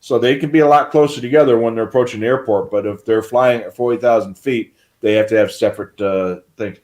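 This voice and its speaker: A man's voice: medium pitch, fast talker, darkish tone. A man co-hosting a live stream, explaining in a casual, rambling way with many fillers. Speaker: livestream co-host.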